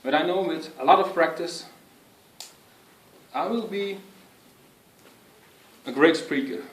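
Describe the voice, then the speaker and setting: A man giving an earnest, instructive speech on public speaking to an audience, with halting phrasing. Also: on the high side, fairly bright tone, recorded from a distance. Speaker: speech giver. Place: room with an audience. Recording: echoey room, picked up from afar.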